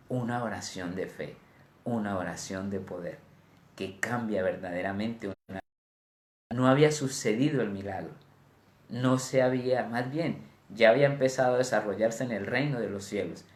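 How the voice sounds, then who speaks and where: A man preaching a devotional sermon with fervent delivery, often dropping to a hushed voice on repeated appeals. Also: mid-range voice, roomy sound, slight background noise. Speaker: pastor.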